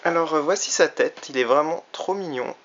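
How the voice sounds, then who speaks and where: A man's voice: fairly high pitch, moderate pace, a bit bright, a little hiss or hum. A man casually reviewing a toy he bought, chatty and often hesitating with fillers. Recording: slightly dull lo-fi recording.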